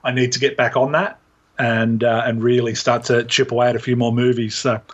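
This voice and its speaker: A man's voice: medium pitch, flat delivery, a little fast, slightly rough, lo-fi sound. A man co-hosting a podcast, chatting casually with dry humor and plenty of fillers. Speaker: podcast co-host. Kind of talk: casual chat.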